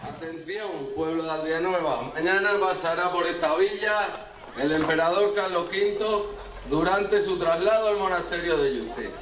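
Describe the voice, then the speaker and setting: A man's voice: sits high, normal speed, fairly bright tone. A man playing a town crier, calling out a formal proclamation to villagers outdoors. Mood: proclaiming. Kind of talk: public proclamation. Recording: distant, echoey, noisy outdoor crowd recording.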